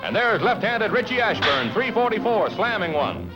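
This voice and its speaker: A man delivers old 1950s newsreel narration in a brisk, punchy announcer manner. His voice is high and bounces lively up and down, with loud music playing under him. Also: poor audio.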